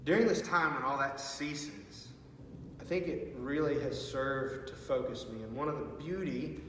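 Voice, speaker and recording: A man's voice: medium pitch, a bit bright. Man in a very echoey empty hall. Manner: earnest, halting, with repeated words. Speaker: youth pastor. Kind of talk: informal video message to parents. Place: large empty student ministry room with stage. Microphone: far from the speaker. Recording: very echoey hall, distant mic, faint noise.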